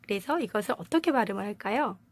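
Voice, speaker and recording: A woman's voice: mid-range voice, lively intonation, fast. A woman teaching language pronunciation in a video lesson, explaining patiently and asking her viewers rhetorical questions.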